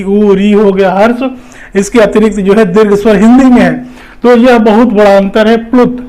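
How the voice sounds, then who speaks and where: A man's voice: sits high, a little mellow. A man teaching an exam-prep lecture, explaining step by step with frequent fillers and repetitions. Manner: explanatory, repeats points, many fillers.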